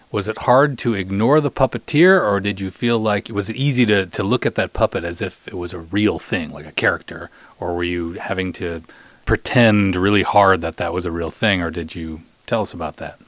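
Playful and teasing, a middle-aged man runs a podcast with casual hosting and light interviewing. His voice sits low, his pace is moderate, and the recording has no echo.

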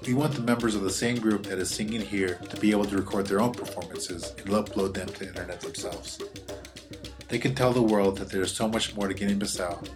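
This is a man with a very deep voice, reading a scripted audio report fast and sincerely. Music plays clearly behind him the whole time. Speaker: contributor narrating an audio report. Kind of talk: scripted narration.

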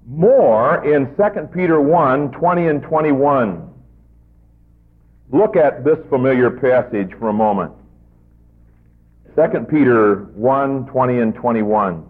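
Guy preaching a sermon, fairly high voice, real slow and emphatic, sounds like a phone line. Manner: slow, emphatic teaching with drawn-out stressed words. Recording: tinny phone-like old recording.

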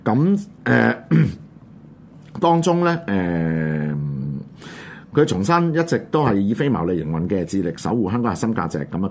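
A man with a Hong Kong Cantonese accent, hosting an online radio show and chatting casually about current events in a subdued, halting way. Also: lowish voice, a little mellow, slightly rough. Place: studio.

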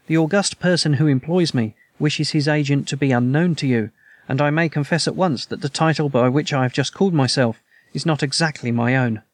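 A man's voice: on the high side, fairly quick, no room sound, clean studio sound, natural voice. A man reading a proud masked king. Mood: formal. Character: masked noble male king, proud, agitated client.

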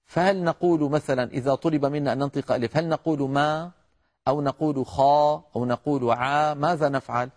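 A middle-aged man teaching the articulation of letters in a measured, explanatory lecture, addressing his listeners as brothers. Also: fairly high pitch. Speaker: Quran recitation teacher.

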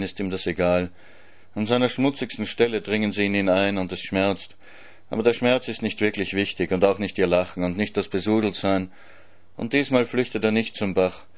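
Brief: male reader of literary prose, low-pitched voice, measured and sober, dry irony. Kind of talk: literary reading.

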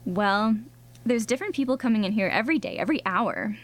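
A woman co-hosting a science radio show in a studio, explaining things conversationally in a bright, curious manner. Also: mid-range voice, lively intonation, fast. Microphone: studio microphone.

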